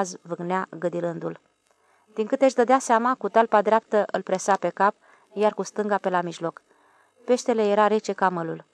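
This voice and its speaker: A woman reads a novel aloud in a steady, measured way, her voice at an ordinary pitch. The recording is dry and close, with no room around it. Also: no room sound. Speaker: audiobook narrator. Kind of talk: scripted narration.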